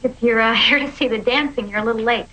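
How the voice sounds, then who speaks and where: A woman's voice: fairly high pitch, fast talker, bright, forceful tone, highs cut off. An actress playing a guarded young woman who speaks in a dry, hesitant way. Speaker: film character.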